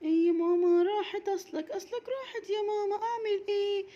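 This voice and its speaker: A woman's voice: very high-pitched, fast, warm tone, dull audio, pitched above the performer's own voice. A woman voicing a small, impatient little girl who fibs and pleads, with an Egyptian accent. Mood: fibbing, pleading. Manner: pleading, whining, repeating calls.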